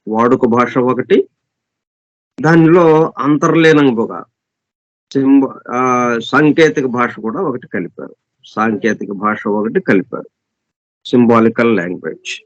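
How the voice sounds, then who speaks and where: A man giving an explanatory scripture lesson as a spiritual teacher, repeating and listing synonyms slowly and deliberately, reading English passages very slowly. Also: mid-range voice, lively intonation, dry recording. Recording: dull, dry lo-fi recording.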